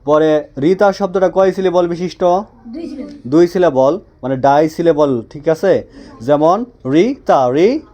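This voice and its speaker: A man teaching an English grammar lesson in class. He asks questions, answers them himself, repeats phrases slowly and drills his students. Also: a little high, warm tone. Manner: drills students with call-and-response.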